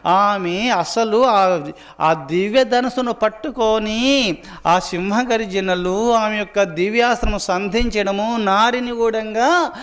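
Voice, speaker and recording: A man, a swami, telling a devotional story as a sermon and slowing into drawn-out chanted verses. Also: high voice, fairly bright tone. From India. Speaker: swami giving a religious discourse. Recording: long hall reverb.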